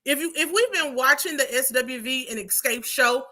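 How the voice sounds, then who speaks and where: Woman host doing sassy casual commentary, kinda high voice, bright and punchy. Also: moderate pace. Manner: sassy, chatty, addresses viewers directly.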